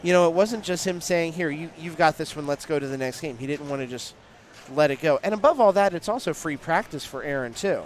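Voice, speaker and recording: Man, live commentary, play-by-play, slightly high voice, analytical, long explanations. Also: fairly quick, hardly any pauses, slight background noise.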